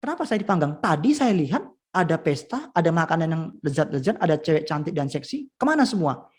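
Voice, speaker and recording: A man's voice: very animated, fast, breathy edge. A male preacher voices a panicked young man protesting in a sermon anecdote. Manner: alarmed, protesting, pitched up.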